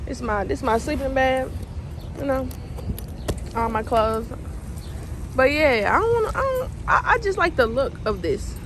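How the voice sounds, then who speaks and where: A woman's voice: sits high, sing-song, measured pace, long pauses, noisy background. A woman motovlogger chatting casually to her viewers. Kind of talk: casual vlog chat. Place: outdoors at roadside stops.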